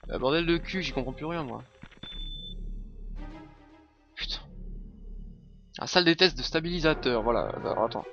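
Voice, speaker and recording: A man's voice: fairly high pitch, lively intonation, brisk. A man commenting live on his gameplay, chatty and muttering to himself as he plays, swearing often. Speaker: streamer playing a video game. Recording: slightly dull lo-fi stream audio with faint game music.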